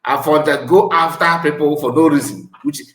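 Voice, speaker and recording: A man's voice: a little high, moderate pace, fairly bright tone, roomy sound. A man with a Nigerian West African accent giving informal, emphatic reaction commentary, repeating phrases for stress. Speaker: online video commentator.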